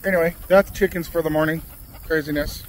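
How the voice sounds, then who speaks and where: A man's voice: fairly high pitch, a little fast, slight background noise. A man hosting a farm vlog, chatting casually and rambling with fillers while filming outdoors. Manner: relaxed, rambling, lots of fillers. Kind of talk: casual chat while doing chores. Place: outdoors on a ranch among chickens and cows.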